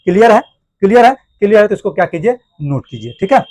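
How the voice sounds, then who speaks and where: High-pitched male teacher. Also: sing-song, quick pace, a little mellow, no echo. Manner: repetitive, asks students questions and answers them himself; affectionate address to students. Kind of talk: classroom grammar lesson.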